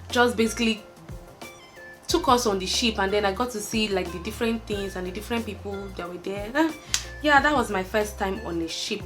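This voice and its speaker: Her tone is fairly bright and her pitch a little high. A young Nigerian vlogger from Lagos answers a tag list candidly to camera, laughing often and drifting off with fillers.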